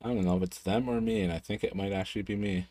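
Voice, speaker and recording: A man's voice: low voice, steady tone, quick pace, dark tone, no echo. A man running a tabletop game as game master over voice chat, hesitant and thinking aloud. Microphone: home mic on voice chat.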